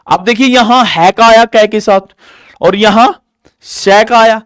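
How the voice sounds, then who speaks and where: Guy teaching a live class, high voice, slow and careful, quizzes then answers himself, dry close sound. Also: clear, resonant tone, dry recording. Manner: asks questions and answers them himself, drilling; slow, deliberate explaining with an animated pitch. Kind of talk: live online grammar lesson.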